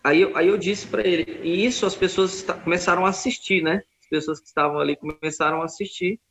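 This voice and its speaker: A man's voice: high voice, fairly even intonation, fast talker, fairly bright tone, slight background noise. A man telling a story in an emphatic way, quoting his own words at length. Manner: emphatic, quotes himself at length. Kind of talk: casual storytelling. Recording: dull lo-fi recording.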